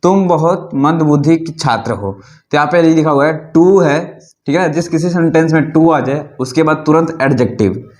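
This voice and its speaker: A man teaching an English grammar lesson, explaining rules slowly and repeatedly while asking his students questions. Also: a little high, a little mellow, roomy sound.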